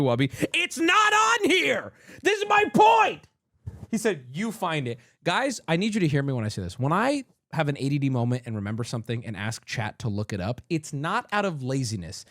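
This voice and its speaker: A man livestreaming, reacting to clips in casual chat and often bursting into excited shouting. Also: on the high side, brisk, dry recording, clean studio sound.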